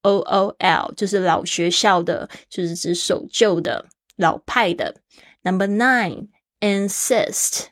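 Woman podcast host teaching English vocabulary, lowish voice, chatty, dry close mic. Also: takes it slowly, no room sound. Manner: chatty, spells words out letter by letter; laughs easily. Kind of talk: casual podcast English lesson.

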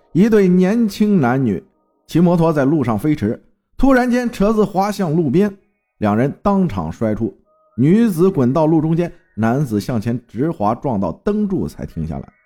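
A man's voice: on the high side, mellow. A man from Fujian narrating a folk tale in a dramatic storytelling manner. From Fujian, China.

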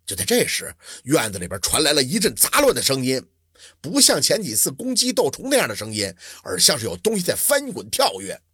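A male storyteller with a husky, raspy voice who tells a traditional tale with dramatic flair. His pitch sits a bit high and swings widely. The recording is dry and close. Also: a little fast, no room sound. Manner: dramatic, lively, vivid delivery.

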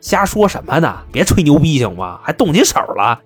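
A man doing a smooth placating negotiator. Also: fairly high pitch, sing-song, normal speed, soft background music. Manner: soothing, wheedling.

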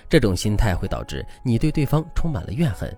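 A man hosting a relationship advice podcast, telling a story in an animated, dramatic way, with faint music behind. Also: mid-range voice, brisk.

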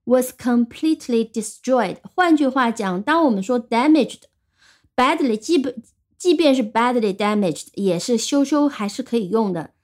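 A woman gives a podcast lesson on English vocabulary, with a slightly high voice. She explains in Chinese, then reads the English examples slowly and spells words out letter by letter. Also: lively intonation. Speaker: English teacher.

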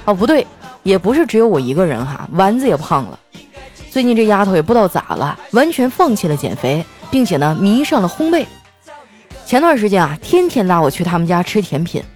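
A woman's voice: medium pitch, sing-song, fairly quick, darkish tone, soft background music. A woman host telling funny everyday stories in a playful manner, laughing often. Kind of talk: comic storytelling monologue.

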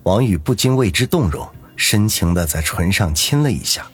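Husky, lively male narrator. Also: lowish voice, moderate pace, faint music behind. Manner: lively, dramatic storytelling. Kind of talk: expressive audiobook narration.

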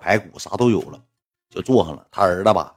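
A man with a Northeastern Mandarin accent tells a funny anecdote, rambling and repeating himself in colloquial speech with some swearing. His voice sits low and is animated, fairly quick, and slightly rough.

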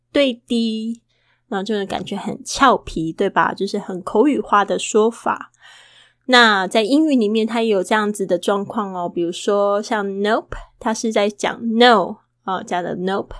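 A woman's voice: medium pitch, dry recording. Woman, english teacher, podcast lesson, chatty, dry close sound. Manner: models English pronunciation slowly, repeating words; chatty, asks listeners rhetorical questions.

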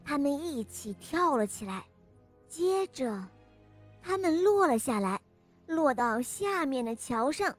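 A woman narrating a children's story with a lively, expressive reading. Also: high voice, slow, faint music behind.

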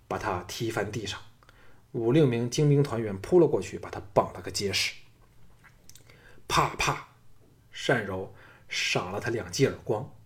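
A man's voice: mid-range voice, darkish tone. A man narrating a martial-arts novel as an audiobook with a vivid, dramatic delivery. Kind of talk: scripted storytelling narration.

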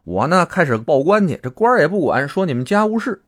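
A man's voice: a little high, sing-song, quick pace, voice pushed up. A man voicing an aggrieved old uncle in a story he is telling, pleading and exasperated. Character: aggrieved old man complaining about his unruly nephews.

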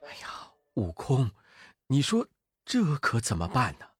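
A man voicing a gentle, anxious elderly male monk who talks low and softly. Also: huge pitch swings, measured pace, husky, soft background music, heavily acted. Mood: fretful. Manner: low, soft, fretting.

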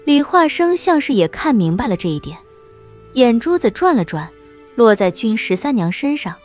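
A woman narrating a novel in the first person with expressive storytelling. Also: on the high side, normal speed, faint music behind.

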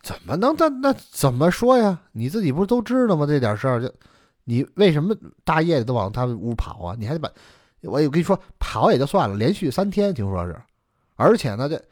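A blustering elder brother in a traditional storytelling performance, as a male narrator plays him, gruff and quick-tempered. His voice jumps around animatedly, close and dry. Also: mid-range voice, a little mellow, no room sound. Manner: gruff, soothing to wife, scolding to brother.

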